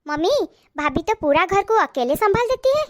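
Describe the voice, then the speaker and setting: A woman's voice: very high voice, very animated, moderate pace. A woman playing a chatty married daughter who is visiting her family home, in a comedy skit. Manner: chatty, coaxing.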